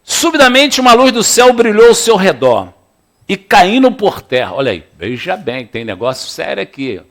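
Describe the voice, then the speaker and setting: A man's voice: high-pitched, normal speed. A man preaching a sermon in a church, playful and calling on the congregation to respond. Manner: lively, playful preaching with audience call-and-response. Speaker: pastor.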